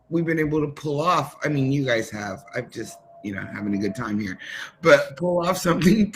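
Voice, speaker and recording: A man with a somewhat higher voice talks on a livestream chat, enthusiastic and quick to laugh. He sounds casual and relaxed. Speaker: marketing lead.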